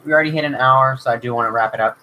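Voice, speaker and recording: A young man hosting his YouTube channel answers viewer questions on a casual livestream, talking rapid-fire at a medium pitch. He rambles with lots of fillers and restarts, and the recording sounds muffled.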